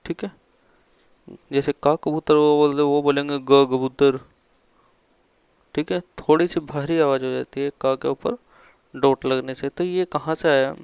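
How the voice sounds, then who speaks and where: A man's voice: on the high side, gravelly, clear, resonant tone, dry recording. A man teaching a lesson, asking questions and answering them himself, with frequent fillers and drilled repetition of key terms. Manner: repeats and stresses key terms like a classroom drill. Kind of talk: explaining a lesson on Hindi vowel endings.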